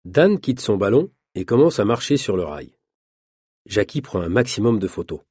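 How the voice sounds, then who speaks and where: Man, storybook narrator, husky voice, dry close recording, measured reading. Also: lowish voice, sing-song, a little mellow, no room sound. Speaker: audiobook narrator. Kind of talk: reading an easy French story.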